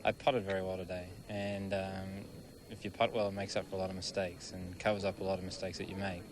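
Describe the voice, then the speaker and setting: A man's voice: low voice, flat delivery, fairly quick, background noise. A man, a professional golfer, giving a casual, plain-spoken interview after play. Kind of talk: post-round interview.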